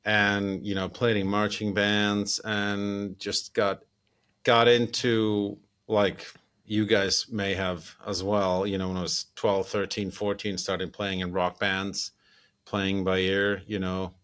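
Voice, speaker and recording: Guest composer, man in his 50s from Iceland, lower voice, easy and chatty. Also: takes it slowly, smooth. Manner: relaxed, chatty, laughs often, many fillers. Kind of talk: casual interview chat.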